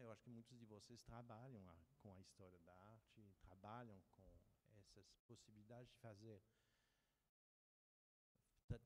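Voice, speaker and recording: A man giving a reflective academic talk, pausing and restarting as he thinks. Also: lowish voice, darkish tone, long reverb tail, a little hiss or hum. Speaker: speaker at a talk. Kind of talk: academic presentation.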